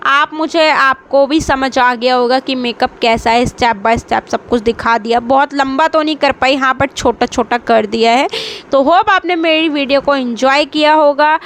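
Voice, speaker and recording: A woman's voice: sits high, measured pace, a little hiss or hum. A woman beauty vlogger narrating a casual voice-over and chatting straight to her viewers.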